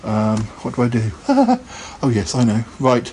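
A man's voice: mid-range voice, big pitch swings, a little slow, darkish tone, a little hiss or hum. A man hosting a casual live podcast, chatting in a rambling way and laughing often. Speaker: podcast host.

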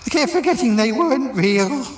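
A woman's voice: sits high, animated, normal speed, a little hiss or hum. A woman doing a giggly, dithering stage actor. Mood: rambling. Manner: rambling, hesitant, giggling. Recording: roomy echo.

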